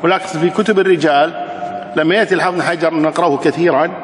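A man's voice: fairly high pitch, steady tone. Man teaching in an echoey hall. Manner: recites verse slowly, then explains at an easy pace. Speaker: teacher of hadith sciences. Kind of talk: lecture explaining a classical didactic poem.

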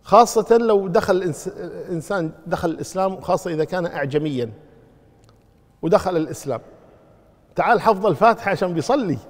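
A man teaching a religious lesson on prayer rules. He repeats his key points and quizzes his listeners as he goes. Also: high voice. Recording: long reverb of a large hall.

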